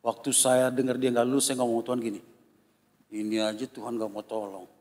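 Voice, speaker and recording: A man in his fifties, a pastor giving a sermon with a personal testimony, telling stories with lively impressions of his children and congregation. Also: medium pitch, fairly quick. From Indonesia. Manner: animated storytelling, mimics his children and congregation. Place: church hall. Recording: long church reverb.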